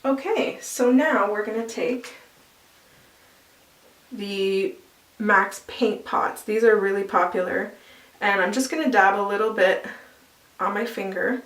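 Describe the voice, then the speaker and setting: A woman's voice: mid-range voice, slow pace, long pauses, fairly bright tone, echoey room, recorded from a distance. A woman talking casually through a makeup tutorial, explaining each step as she applies it, with easy fillers along the way. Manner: chatty, explains while applying, with fillers. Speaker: makeup vlogger.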